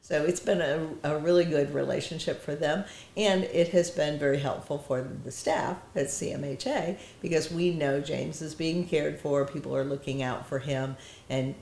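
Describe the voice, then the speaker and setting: A woman's voice: sits low, steady tone, moderate pace, creaky, a little mellow. A woman on a mental health program's staff speaking earnestly and measuredly in an interview. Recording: echoey room.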